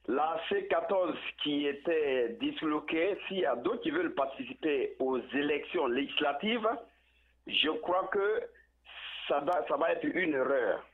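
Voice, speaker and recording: A man calling in over a poor phone connection, giving political commentary in a halting way and repeating words as he searches for them. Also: fairly high pitch. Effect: tinny phone line with poor connection. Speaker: phone-in caller. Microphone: telephone. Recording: tinny phone line.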